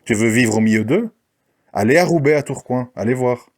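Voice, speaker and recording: Speaking a little quickly with lively intonation, a commentator with a mid-range male voice rants combatively, taunting the people he targets and confronting his audience directly.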